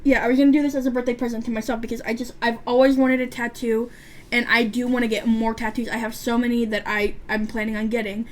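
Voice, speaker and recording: This beauty vlogger, around twenty, has a slightly high, somewhat mellow voice and a fast, flat delivery. She talks casually as she applies makeup, rambling with a stutter and a lisp and plenty of fillers and restarts.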